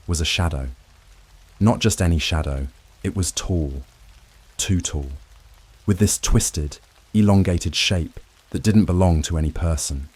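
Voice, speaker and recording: Deep raspy guy reading a creepy first person horror story. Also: darkish tone.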